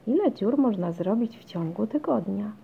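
A woman reading a children's storybook, voicing a tired but patient mother who stays gently firm. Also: mid-range voice, lively intonation, moderate pace, vocal fry, slight background noise. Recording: dull lo-fi recording.

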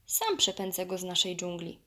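A woman voicing a stubborn, hot-headed boy who shouts defiantly. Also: lowish voice, big pitch swings, moderate pace. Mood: angry.

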